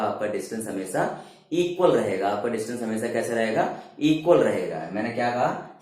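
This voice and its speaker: A man's voice: mid-range voice, darkish tone. A male math teacher explaining geometry, repeating each key term as a question and answering it himself, and addressing students fondly. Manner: calls students "beta", mixes Hindi with English phrases. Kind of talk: classroom geometry lesson. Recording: very echoey room.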